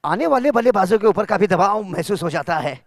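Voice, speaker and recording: A man's voice: sits high, lively intonation, fairly quick, no room sound, clean studio sound. A man giving live commentary on a cricket match between plays.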